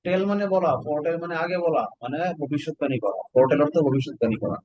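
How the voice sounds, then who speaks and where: A man's voice: a little high, fast talker, darkish tone, dry recording, lo-fi sound. A Bangladeshi man teaching an online exam-prep class, explaining step by step and quizzing his students with questions.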